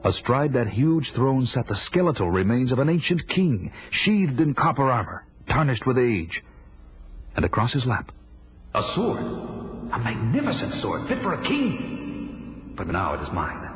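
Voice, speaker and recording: A man's voice: medium pitch, sing-song, a little slow, slightly rough, full character voice. An actor playing a fierce, proud barbarian warrior who recounts his life in grandiose, theatrical audio-drama style. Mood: awed, imperious. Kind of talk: dramatic first-person narration, 1980s audio drama. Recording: dramatic music under the voice.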